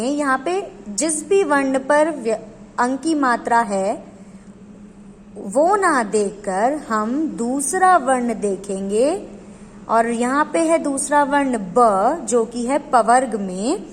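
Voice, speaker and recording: A woman with a high voice teaches at a slow, deliberate pace. She explains each step patiently and poses questions to her listeners before answering them. Her voice carries a long room reverb. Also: slight background noise. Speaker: Hindi teacher.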